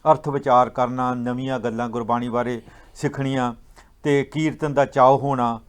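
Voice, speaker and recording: A man explaining religious teachings in a patient, teaching manner, slowing down to recite verses. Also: medium pitch, level tone, clean tone. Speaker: guest speaker on Sikh scripture.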